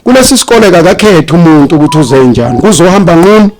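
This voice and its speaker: A man's voice: a little high, lively intonation, very fast, darkish tone, soft background music, rough recording. A man with a South African accent and native Zulu, giving a sermon as guest preacher with repetitive, listing phrasing.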